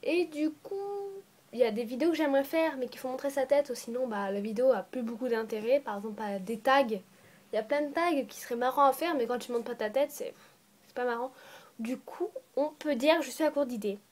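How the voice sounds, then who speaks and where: Chatty, high-voiced woman telling a story. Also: brisk, darkish tone. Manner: rambling, chatty, often restarts and corrects herself. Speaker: storytime vlogger. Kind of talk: casual storytime narration. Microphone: phone or tablet voice recording.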